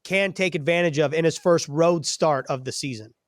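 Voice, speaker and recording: A man with a fairly high voice hosts a sports podcast in an easygoing, friendly way. The recording is close and dry with no room sound. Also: normal speed, dry recording. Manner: friendly, easygoing, laughs often. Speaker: podcast host. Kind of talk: casual sports podcast chat.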